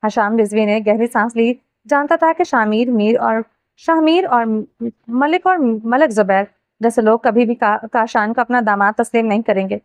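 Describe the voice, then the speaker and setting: A woman with a fairly high voice reads a romance novel aloud. She tells the story steadily. The recording is close and dry. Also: dry recording. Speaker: narrator.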